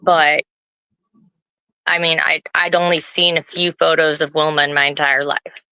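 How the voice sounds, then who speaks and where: A nervous woman in her late twenties, an interview guest who talks in a halting way, with many restarts. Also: low-pitched, little pitch movement, bright, forceful tone, clear, resonant tone, no room sound, rough recording. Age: 20s. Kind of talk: personal interview.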